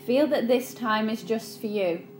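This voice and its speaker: A woman leading a guided relaxation meditation in a soothing, unhurried, instructional manner. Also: a little high, soft background music.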